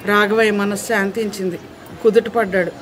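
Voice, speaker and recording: A woman narrating a children's moral story in a lively, expressive way. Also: mid-range voice, a little fast, crowd noise, noisy background.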